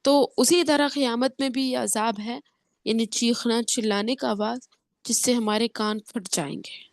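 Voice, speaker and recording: A woman teaching a Quran lesson with tajweed rules, her voice affected by a cold. She explains step by step, often checks in with her students, and chants the verses slowly. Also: on the high side, fairly even intonation, dry recording, studio quality. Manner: slow drawn-out chanting when reciting verses.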